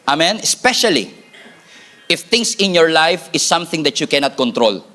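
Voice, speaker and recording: A male pastor with a fairly high voice and normal speed delivers an animated sermon. He mixes in jokes, calls for responses from the congregation, and repeats important lines for emphasis.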